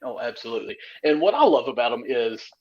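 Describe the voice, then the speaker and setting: A man's voice: medium pitch, very animated, quick pace, darkish tone, highs cut off. A man from Kentucky, hosting a casual sports chat in a folksy, enthusiastic way. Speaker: podcast co-host.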